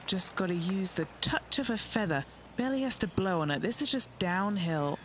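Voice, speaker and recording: A man's voice: high-pitched, animated, moderate pace, background noise. A man playing a matter-of-fact on-course golf commentator, giving short, informal reports in a video game.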